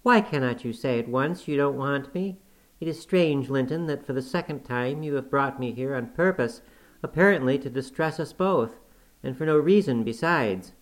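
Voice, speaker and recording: A man voicing a proud, quick-tempered young woman who scolds sharply. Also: mid-range voice, animated, fairly bright tone, low-quality recording. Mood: indignant.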